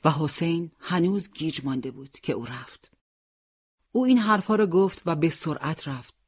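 A storyteller reads a wartime tale in a steady, measured voice. The pitch is mid-range and the sound is dry, with no room around it. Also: husky, no room sound. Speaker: narrator. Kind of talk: scripted storytelling narration.

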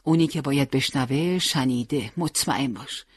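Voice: medium pitch, breathy edge, no echo, clean studio sound, close to an everyday voice. A storyteller voicing a resolute young male commander who gives urgent orders and calls out to his men. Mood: firm.

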